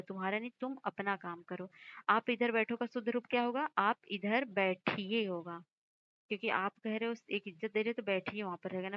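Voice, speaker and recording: A woman teacher going through exam questions, explaining each answer and slowly repeating words to stress their spelling. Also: mid-range voice, dull audio. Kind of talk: exam-prep lesson.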